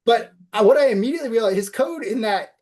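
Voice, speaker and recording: A woman's voice: fairly high pitch, animated, fast, dark tone. A woman guest on a podcast, telling reflective anecdotes in a casual interview.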